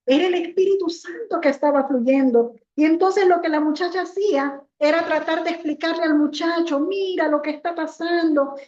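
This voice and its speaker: A woman's voice: very high-pitched, moderate pace, few pauses, a little mellow, roomy sound, dull audio, a little hiss or hum. A woman pastor preaching a sermon, telling a story and acting out the voices of the people in it.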